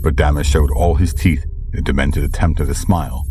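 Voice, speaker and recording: A man reading scripted story narration in a measured, storytelling way. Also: rumbling low, steady tone, warm tone, slight background noise.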